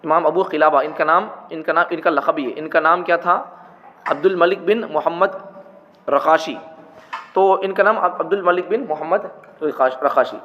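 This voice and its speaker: A man's voice: fairly high pitch, moderate pace. A man giving a religious teaching talk, repeating his points and asking rhetorical questions. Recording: dull, echoey hall with faint noise.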